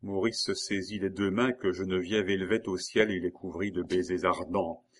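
A man narrating a novel as an audiobook, with a measured, expressive reading. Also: low-pitched.

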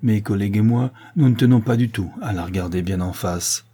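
A man's voice: lowish voice, brisk, mellow, breathy edge. A man voicing a blustering, easily flustered police inspector in an audiobook, sputtering and indignant. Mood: stubborn. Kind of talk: audiobook character reading.

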